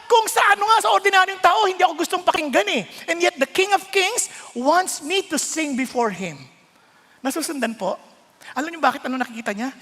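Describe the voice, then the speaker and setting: High bright-voiced preacher. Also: male voice, long reverb tail. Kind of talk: sermon.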